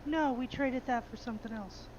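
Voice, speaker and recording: A woman's voice: fairly high pitch, normal speed, lo-fi sound, background noise. A woman playing a tabletop game, giving brief, matter-of-fact replies. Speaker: player. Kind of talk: casual game chat.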